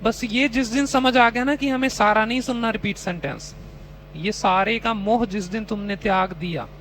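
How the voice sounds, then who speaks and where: A man leads a test-prep coaching class with a high, gravelly voice, teasing his students and quizzing them as he goes. Faint hum sits under the close-miked voice. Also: fairly bright tone, low-quality recording.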